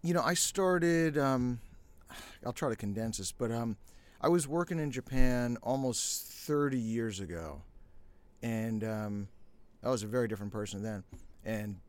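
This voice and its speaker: A middle-aged man from the United States, a podcast guest who tells his story in a relaxed, self-deprecating way. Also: mid-range voice, a little slow. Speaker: podcast guest, sumo federation founder. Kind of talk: casual interview talk.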